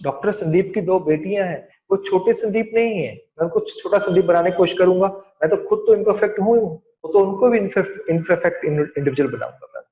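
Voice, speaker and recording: A man's voice: high voice, brisk, few pauses. A man giving an earnest seminar talk on parenting, acting out the lines parents say to their children. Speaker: parenting speaker. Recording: dull lo-fi sound.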